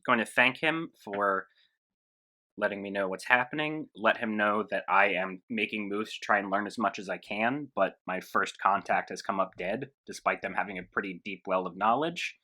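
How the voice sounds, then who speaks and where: A man speaking as a player in a tabletop game, earnest and thinking out loud. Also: lowish voice, moderate pace. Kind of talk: casual tabletop play.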